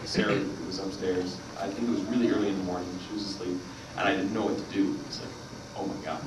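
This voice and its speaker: Low-voiced man telling a rambling panel story. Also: level tone, fast talker. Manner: rambling storyteller, many fillers and laughs. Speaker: panel guest. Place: convention panel room. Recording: echoey hall from far off, noisy.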